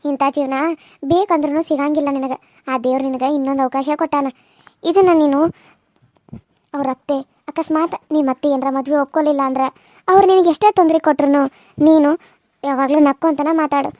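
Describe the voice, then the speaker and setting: A woman voicing a motherly village mom, high. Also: steady tone, brisk, long pauses, mellow, no room sound, clean studio sound, lightly acted. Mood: advising. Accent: North Karnataka Kannada. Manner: fussy, motherly instructing. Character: middle-aged village mother, caring and advising.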